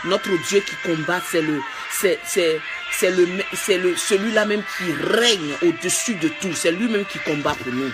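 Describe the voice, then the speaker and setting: Woman preacher, fervent, repetitive, speaking in tongues, loud worship music underneath. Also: fairly low pitch, measured pace, few pauses. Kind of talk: live-streamed sermon.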